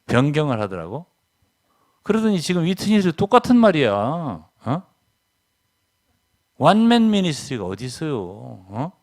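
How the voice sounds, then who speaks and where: Emphatic older Korean pastor preaching. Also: male voice. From South Korea. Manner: emphatic, keeps asking "예?" to the congregation; swings between loud stresses and low asides. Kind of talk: sermon.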